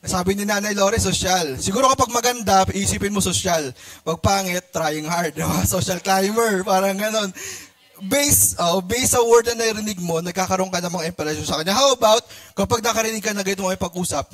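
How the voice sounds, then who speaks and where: A man preaching in a casual, lively way with a Filipino accent, asking the congregation questions, mimicking different ways of talking and laughing often. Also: high-pitched, brisk. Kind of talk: sermon with audience questions.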